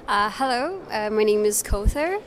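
A woman's voice: mid-range voice, animated, moderate pace, slight background noise. A young woman from Canada answering interview questions in a hesitant, casual way, full of ums and uhs. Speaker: festival visitor interviewed. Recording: crowd chatter at a festival.

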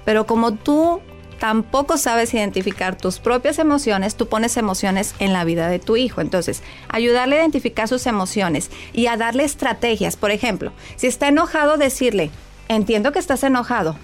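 A woman's voice: a little high, animated, normal speed, soft background music. A woman, a child psychologist, explaining parenting advice step by step in an interview. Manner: clear, agreeable, explains step by step.

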